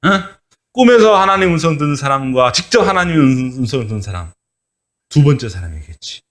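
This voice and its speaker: A man's voice: mid-range voice, sing-song, fast talker, a bit bright. Man, pastor, children's sermon, storytelling, asks kids questions.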